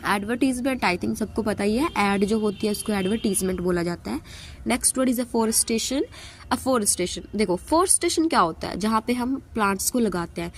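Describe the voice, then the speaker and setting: A woman's voice: mid-range voice, slight background noise. A young woman teaching English vocabulary for exams, mixing Hindi and English and asking questions as she explains. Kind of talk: exam-prep vocabulary lesson.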